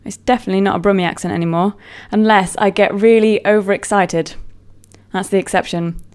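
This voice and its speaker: A brisk, medium-pitched voice with fairly even intonation and a slightly mellow quality belongs to an English vlogger. With her neutral British accent, she chats casually to camera, rambling, poking fun at herself and tailing off with fillers.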